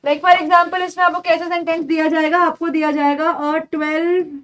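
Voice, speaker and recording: A young woman giving an English grammar lecture in Hindi, explaining rules step by step and saying the example sentences slowly. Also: very high-pitched, level tone, a bit bright. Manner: explains step by step, calls students "beta"; spells out slow, drawn-out English examples. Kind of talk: online exam-prep lecture.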